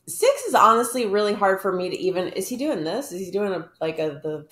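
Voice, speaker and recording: A woman co-hosting a podcast in casual, joking chat with quick reactions. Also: medium pitch, sing-song, a bit bright, roomy sound. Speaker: podcast co-host.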